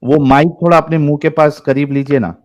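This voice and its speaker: A man's voice: a little high, fairly even intonation, a little hiss or hum. A man from India hosting a live online debate, bossy and mocking as he questions callers. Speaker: debate host.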